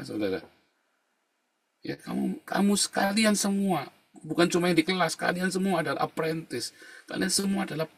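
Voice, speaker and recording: A middle-aged male pastor giving an informal, chatty sermon, telling stories, often addressing listeners as brothers and sisters, and rising to loud indignant emphasis. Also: medium pitch, gravelly, husky. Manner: chatty storytelling, often adds "saudara ya".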